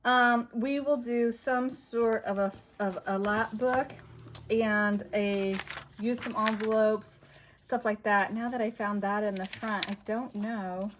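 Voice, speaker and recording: A woman's voice: a little high, steady tone, takes it slowly. A winded woman talks casually to her camera, rambling and apologizing as she loses her train of thought. There is a faint hiss of noise behind her voice. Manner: chatty, scattered and apologetic. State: out of breath. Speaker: crafting channel host. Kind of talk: casual chat.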